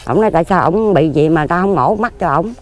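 Speaking fast and with animation in a voice on the low side, this Southern Vietnamese woman in her fifties sells lottery tickets. She gives a casual interview outdoors among graves, talking plainly, earnestly and at length in a rambling manner.

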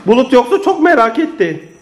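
A man's voice: very high-pitched, very animated, fairly quick, echoey room, very noisy. A man in a casual family vlog, playfully talking to viewers, his kids and their pets. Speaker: father and family vlogger.

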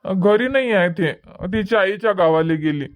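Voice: medium pitch, lively intonation, normal speed, close to an everyday voice. A voice actor doing a pleading henpecked village son. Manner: pleading, whiny, soft-spoken. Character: pleading grown son, henpecked young man. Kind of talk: cartoon comedy dialogue.

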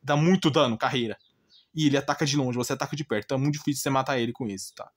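A gaming channel host with a Brazilian Portuguese accent rants very fast in a mid-range voice. He's informal, blunt and exasperated, repeating himself and firing off rhetorical questions.

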